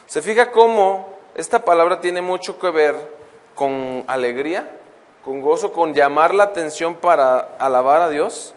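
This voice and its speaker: A man teaching a Bible lesson as a preacher. He reads verses slowly and keeps asking the congregation questions. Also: on the high side, lively intonation. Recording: long hall reverb.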